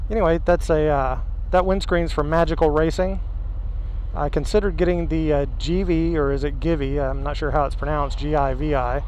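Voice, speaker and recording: A man vlogs from inside a motorcycle helmet, his fairly high voice raised over the rush outside. He talks casually as he rides on open roads. Some wind and engine noise sits behind his words. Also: fairly even intonation, normal speed, a little mellow, low-quality recording. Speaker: motorcycle vlogger. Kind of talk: casual vlog narration while riding. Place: outdoors, riding a motorbike on roads. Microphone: microphone inside motorcycle helmet. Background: wind, engine and traffic noise.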